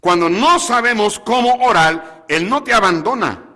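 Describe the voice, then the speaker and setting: A man's voice: high voice, expressive, normal speed, bright, forceful tone. A man preaching a sermon as a pastor to his congregation, asking them questions and slipping English words into his talk. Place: church sanctuary. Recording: long hall reverb.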